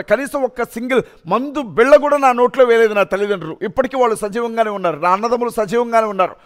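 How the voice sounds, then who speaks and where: A man's voice: high-pitched, a bit bright. A young adult man telling his personal testimony in an earnest, emotional storytelling way. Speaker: testimony speaker.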